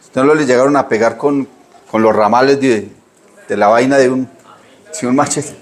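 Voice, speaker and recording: A middle-aged pastor delivers a sermon, telling folksy stories. His voice sits at a middle pitch but swings sharply upward when he mimics other people's words. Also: normal speed. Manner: lively storytelling preacher, pitch leaps when quoting people.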